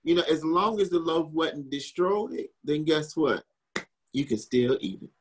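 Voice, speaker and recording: A man's voice: fairly high pitch, lively intonation, a little slow, husky, poor audio. A man from the American South, a historical interpreter and chef, answering questions in a chatty way with frequent laughs and wry asides. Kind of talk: casual Q&A answers.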